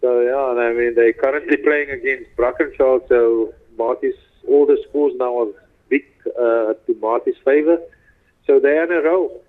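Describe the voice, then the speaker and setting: A man's voice: mid-range voice, fairly even intonation, normal speed. A man, a rugby coach chatting casually in an interview over the phone. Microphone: telephone. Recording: tinny phone line.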